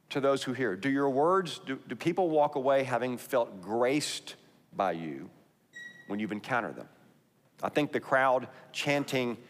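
A man with a Texas accent preaching a sermon, conversational and emphatic, reading scripture aloud between his own remarks. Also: mid-range voice. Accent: Texan. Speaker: pastor. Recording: long reverb in a large hall.

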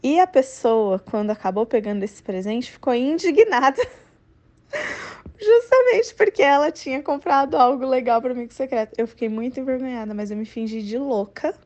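A woman telling a personal Christmas story in a relaxed way. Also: high voice, normal speed, muffled recording.

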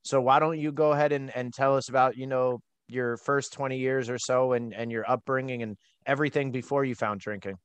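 Male host, young adult, from the East Coast; eager, rambling, mid-pitched; close dry mic. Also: fairly even intonation, a little fast, few pauses, smooth, dry recording. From United States (East Coast). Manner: chatty, enthusiastic, rambling with many "like"s. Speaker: podcast host. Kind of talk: casual interview.

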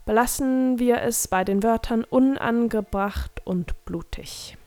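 A woman's voice: on the high side, slow pace, darkish tone, no room sound. Woman reading a proud old creature gardener. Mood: proud fussy.

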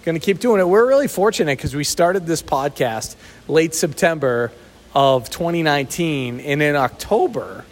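A man's voice: on the high side, expressive, moderate pace. A man co-hosting a podcast in casual, teasing chat, recorded in a sheltered outdoor spot with a big echoey reverb around his voice. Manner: easygoing, teasing, chuckles often. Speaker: podcast co-host.

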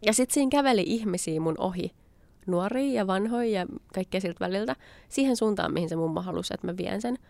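Young woman telling a story casually, kinda low gravelly voice, dry close sound. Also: expressive, darkish tone, no echo. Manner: chatty, acts out her own past lines with quoted asides. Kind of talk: casual spoken anecdote.

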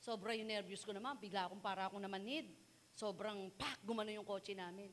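A woman preaching a sermon. She mixes Tagalog and English and moves from a quiet personal story to loud, fervent exhortation. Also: medium pitch, steady tone, fairly quick, in a large hall, a little hiss or hum. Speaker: pastor's wife preaching.

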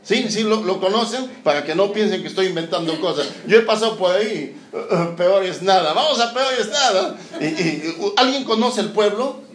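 A man's voice: high-pitched, normal speed. A man with a Chilean accent preaching a sermon, joking and acting out scenes. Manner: lively, joking, acts out scenes. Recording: roomy echoing hall.

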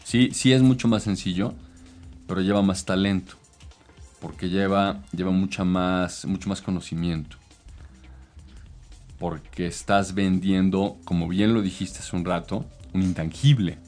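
A man's voice: deep voice, fairly even intonation, measured pace, darkish tone, soft background music. A man, a consultant, explaining business ideas in casual chat, with many hesitations and fillers.

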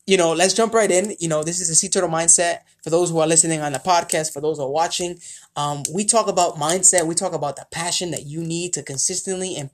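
A woman's voice: lowish voice, fast talker. A woman hosting a podcast in a loose, upbeat way, full of "you know" and "um". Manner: upbeat, loose, lots of fillers. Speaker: podcast host. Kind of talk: casual podcast talk.

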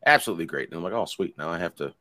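A man's voice: sits low, expressive, very fast, sharp tone, no room sound. A man in his thirties co-hosting a casual podcast, rambling and swearing as he tells stories. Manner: rambling, profane, laid-back storytelling. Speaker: podcast co-host. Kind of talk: casual chat.

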